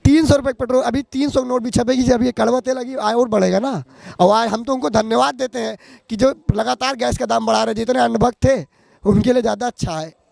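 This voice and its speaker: A man's voice: very high voice, fairly even intonation, fairly quick, vocal fry, a little mellow, dry recording. A man, speaking in a heated street interview in a fiery, accusing, oratorical way. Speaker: local resident interviewed.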